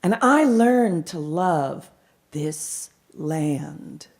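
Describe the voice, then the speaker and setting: Middle-aged woman storyteller, dramatic and deliberate. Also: low voice, lively intonation, darkish tone. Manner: dramatic, deliberate phrasing with repetition. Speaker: professional storyteller. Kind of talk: live storytelling performance to an audience.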